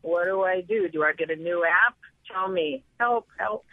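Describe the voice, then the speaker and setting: A woman's voice: medium pitch, sing-song, moderate pace, creaky, no echo. A woman calling into a radio show over the phone, eager and self-deprecating as she asks for help. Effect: heard over a phone line. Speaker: caller. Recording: tinny, dry phone line.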